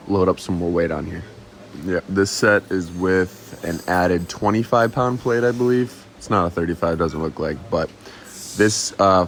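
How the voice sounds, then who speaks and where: A man's voice: low-pitched, a little hiss or hum. A young man, a fitness vlogger, giving casual commentary on a workout.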